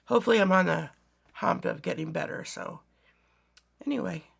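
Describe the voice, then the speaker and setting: A yarn crafting vlogger, hoarse from a bad cold with a raspy voice, chatting casually to viewers about finished projects. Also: medium pitch, lively intonation, normal speed, a bit bright. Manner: chatty, meandering, talks to viewers directly. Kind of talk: casual show-and-tell vlog.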